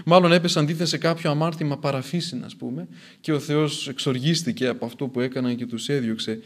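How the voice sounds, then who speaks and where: A man's voice: on the high side, fairly even intonation. A man preaching a sermon in an earnest way, repeating phrases for emphasis as his intensity rises and falls.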